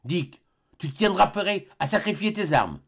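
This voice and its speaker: A man's voice: high-pitched, expressive, normal speed, creaky, voice pushed up, exaggerated voice. A man reading aloud voices a resolute British doctor giving urgent orders aboard a sinking balloon. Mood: commanding. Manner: urgent, commanding calls.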